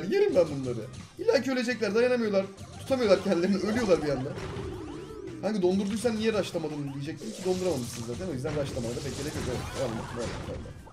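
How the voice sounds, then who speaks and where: A gaming YouTuber in his twenties gives excitable, slangy commentary over his own gameplay, swinging between calm asides and frustrated outbursts. His voice sits high.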